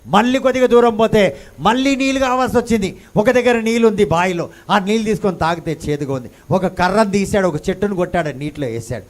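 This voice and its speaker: High-voiced preacher, dramatic. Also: male voice, quick pace. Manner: dramatic rhetorical questions, swings from hushed to loud; mixes in English phrases. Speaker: pastor. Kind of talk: sermon.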